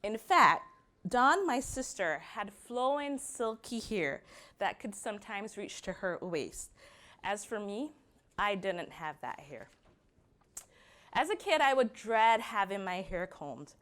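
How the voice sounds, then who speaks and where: A young adult woman from Barbados with a Barbadian accent, giving a prepared personal talk and slowing down to stress key words. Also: mid-range voice, big pitch swings, a bit bright.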